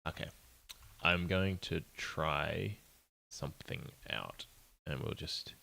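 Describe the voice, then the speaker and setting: A man's voice: very deep voice, animated, slow pace, gravelly, bright, forceful tone. A young man streaming as an indie game developer, muttering and thinking aloud in a casual, apologetic way. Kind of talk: casual live-stream chat while coding.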